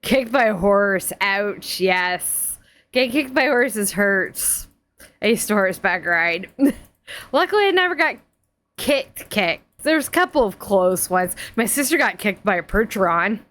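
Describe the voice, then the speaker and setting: A woman's voice: mid-range voice, lively intonation, measured pace, fairly bright tone. A woman in her forties talks to her stream audience in a loose, rambling way. She piles on fillers, restarts often and laughs easily as she chats. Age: 40s. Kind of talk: casual chat.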